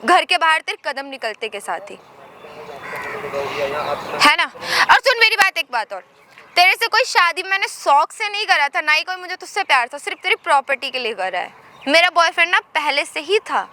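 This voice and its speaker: A woman's voice: extremely high pitch, very animated, normal speed, bright, forceful tone, slight background noise, exaggerated voice. A woman acting a scheming, domineering young wife who taunts and threatens her husband in a skit. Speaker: actor in a short domestic drama skit.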